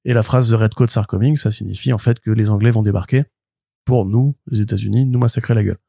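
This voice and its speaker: A man co-hosting a comics podcast, retelling a plot in an animated, rambling way full of fillers and restarts. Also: lowish voice, fast, gravelly, dry recording, clean studio sound. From France. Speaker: podcast co-host, comics reviewer. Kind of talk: casual podcast chat.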